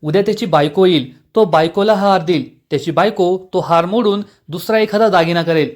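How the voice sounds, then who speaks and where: A man's voice: high voice, brisk, lightly acted. A man voicing a scolding middle-aged aunt who hurls insults in a harsh tirade while retelling a TV serial.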